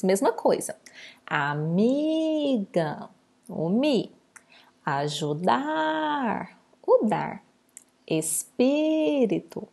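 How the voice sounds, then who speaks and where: A woman's voice: a little high, darkish tone, slightly rough. A woman teacher giving a recorded lesson to children, patiently drawing out words syllable by syllable. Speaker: primary school teacher.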